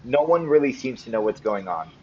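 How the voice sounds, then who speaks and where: A man narrating as game master for a tabletop game, relaxed with frequent ums. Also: medium pitch, brisk. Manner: casual, lots of ums and restarts. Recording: slightly muffled with faint noise.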